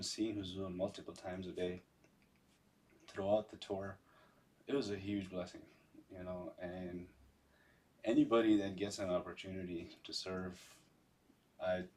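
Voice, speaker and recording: A man recounting personal memories in a halting, conversational way, often repeating phrases. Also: low voice, a little mellow, recorded from a distance. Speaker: podcast guest.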